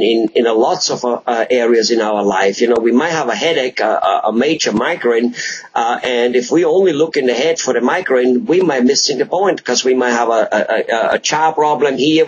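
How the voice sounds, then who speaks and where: A man in his forties hosting, chatting casually and rambling into personal anecdotes. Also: medium pitch. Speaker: host. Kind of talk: casual chat. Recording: slightly dull audio with faint noise.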